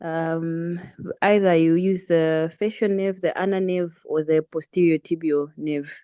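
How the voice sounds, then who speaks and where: A woman from Malawi, a student answering hesitantly in an online tutorial, with many pauses. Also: low-pitched, steady tone, dark tone, smooth, no echo. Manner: hesitant, many ums, laughs nervously.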